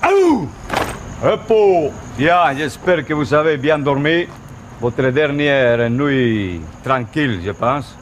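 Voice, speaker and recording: A stern Spanish man in his 40s, a Foreign Legion chief warrant officer, instructs trainees outdoors on a training course, speaking slowly with a Spanish accent. Like a drill sergeant, he goads them with curt questions and blunt orders. The field recording is noisy, with vehicles rumbling.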